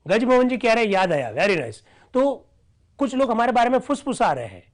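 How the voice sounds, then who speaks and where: A man's voice: very high voice, very animated, normal speed. A man teaching an online class who reads out old debate records and explains them, often asking whether his listeners follow.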